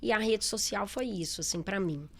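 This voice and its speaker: A middle-aged businesswoman in a relaxed interview, talking candidly with many fillers and quoted asides. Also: medium pitch, normal speed. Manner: chatty, candid, lots of fillers and quoted speech. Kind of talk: casual interview talk.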